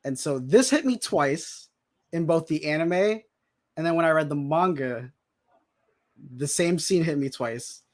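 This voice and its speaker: A man chatting casually as a podcast guest, excitable and rambling, with many restarts. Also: on the high side, a little slow, long pauses. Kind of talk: casual chat.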